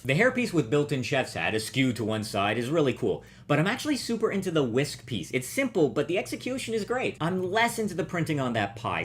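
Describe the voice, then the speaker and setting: A man hosting a scripted toy review, playful and full of jokey asides. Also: on the high side.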